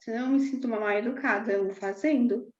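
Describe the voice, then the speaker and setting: A woman's voice: a little high, normal speed, warm tone. A woman with a Brazilian Portuguese accent moderating a podcast, asking questions hesitantly and correcting herself as she goes. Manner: hesitant, self-correcting questions with many restarts. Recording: roomy, dull lo-fi recording.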